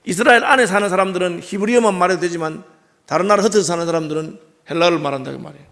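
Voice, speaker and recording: In a church sanctuary, a middle-aged pastor with a Gyeongsang Korean accent preaches conversationally, often throwing rhetorical questions at the congregation. His voice is high-pitched, a bit bright, and races along.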